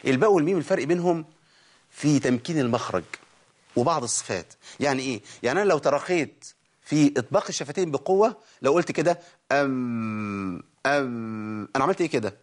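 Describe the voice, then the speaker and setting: A man's voice: on the high side, expressive, very fast. A man with an Egyptian accent teaching a recitation lesson, asking his own questions and answering them, then sounding out letters for learners to repeat. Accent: Egyptian Arabic. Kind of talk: spoken Tajweed lesson.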